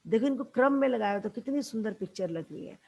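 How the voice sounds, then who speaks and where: A woman with a Haryanvi accent teaches young schoolchildren a classroom lesson, speaking slowly and patiently and calling them "beta" and "bachche." Her voice is fairly high and animated, with a darkish, gravelly, slightly rough tone.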